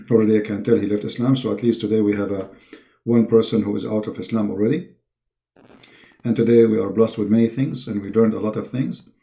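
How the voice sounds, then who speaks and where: Stream host, male, mellow dark voice gone hoarse, coughs and clears his throat a lot. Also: fairly low pitch, fairly even intonation, fairly quick. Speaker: online debate host. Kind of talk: live-stream talk to viewers.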